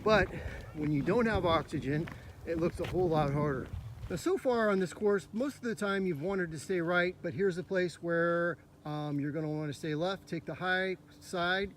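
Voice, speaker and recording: Walking a cross country course in an outdoor park, a man coaches listeners through the route in a voice on the high side, speaking at a normal speed. He sounds instructive and upbeat, though slightly out of breath, giving a walking tour commentary over faint outdoor noise.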